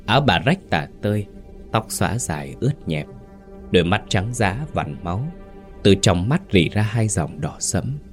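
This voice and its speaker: A man's voice: on the low side, sing-song, moderate pace, soft background music. A man narrating a horror story in a suspenseful, dramatic way.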